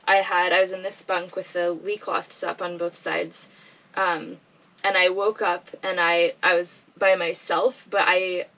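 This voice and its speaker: A woman's voice: on the low side, unhurried, distant mic, poor audio. A woman in her thirties, a guest in a small boat cabin, telling stories with laughs and acted-out quotes. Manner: lively storyteller, laughs and acts out quotes. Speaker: guest sailor. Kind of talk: casual interview chat.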